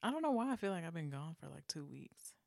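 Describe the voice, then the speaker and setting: A woman co-hosting a podcast, tipsy from wine and giggly, chatting casually and trailing off softly. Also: sits low, very animated, fast talker, vocal fry, dry recording, studio quality. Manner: tipsy, giggly, drifting soft. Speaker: podcast co-host. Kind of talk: casual chat.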